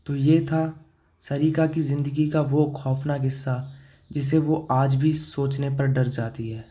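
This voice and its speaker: Slow, dark-voiced male horror narrator. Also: mid-range voice, flat delivery. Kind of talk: scripted storytelling narration.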